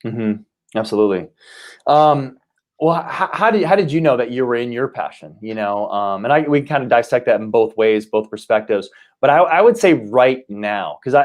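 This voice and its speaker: A man in his forties hosting a live-streamed conversation over a remote call, upbeat and loose, with many fillers and restarts. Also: mid-range voice. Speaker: host and company CEO.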